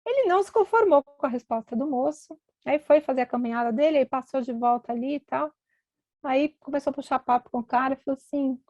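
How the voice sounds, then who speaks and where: A woman's voice: high-pitched, fast, a little mellow, no echo. A middle-aged woman, a physician, giving a conversational storytelling talk at an event and acting out the voices of the people in her stories.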